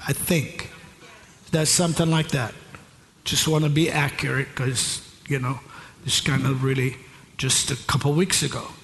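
A man delivers a charismatic sermon in a high, bright voice, taking his time between phrases before climbing into shouted declarations and calls to the congregation. The sound carries a long hall reverb over faint room ambience. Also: vocal fry. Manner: builds from storytelling into shouted preaching with call-outs to the congregation. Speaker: preacher.

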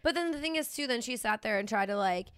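A woman's voice: on the high side, expressive, fast talker, a bit bright, smooth, dry recording, clean studio sound. A woman in her twenties telling a story in casual chat, blunt and swearing freely, acting out what people said. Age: 20s.

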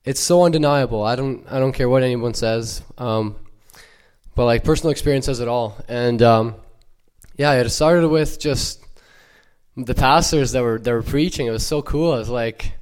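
The earnest church testimony comes from a young, accent-free Ukrainian man whose mid-range voice is smooth and a touch mellow. He keeps pausing, restarting, and leaning on fillers.

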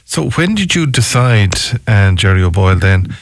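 A man's voice: fairly low pitch, very animated, moderate pace, creaky, no echo, studio quality. A man with a west of Ireland accent hosting a live radio phone-in, chatty, repeating himself and adding folksy tags. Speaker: radio host.

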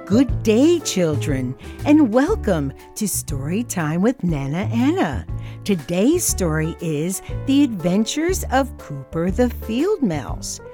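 Female children's storyteller: unhurried, very melodic scripted narration, expressive and deliberate. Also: medium pitch.

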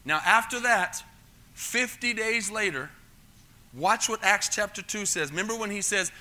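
A middle-aged American pastor with a high-pitched, sharp-toned voice preaches unhurriedly. His sermon has a conversational teaching style, full of repeated words and checks that the congregation is keeping up.

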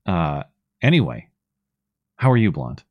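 A man co-hosting a live call-in show, slightly hoarse from losing his voice, talking in a wry, rambling way with frequent restarts. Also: low-pitched, sing-song, a little slow, no echo, narrow, tinny audio. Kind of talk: casual live show chat.

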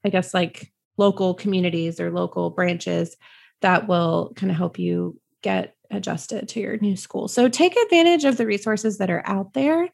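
A woman's voice: medium pitch, normal speed, creaky, darkish tone. A young adult woman, a podcast guest, out of breath and talking casually with lots of fillers while she searches for words. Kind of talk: casual interview chat.

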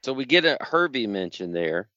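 A man's voice: medium pitch, big pitch swings, moderate pace, bright, forceful tone, dry recording. A man co-hosting a podcast in wry casual chat, with a slightly dull, dry sound. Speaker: podcast co-host.

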